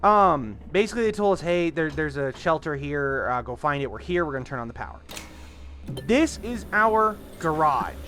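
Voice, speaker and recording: A man's voice: a little high, quick pace, few pauses, a bit bright, a little hiss or hum. A man casually commentating his gameplay in a rambling, chatty way. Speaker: let's-play host.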